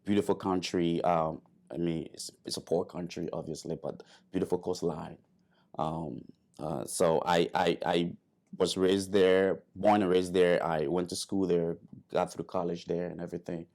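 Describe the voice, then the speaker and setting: A man's voice: sits low, flat delivery, moderate pace, darkish tone. A man, a guest telling his story in an interview, hesitant with many fillers and restarts. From Liberia. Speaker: guest, airman.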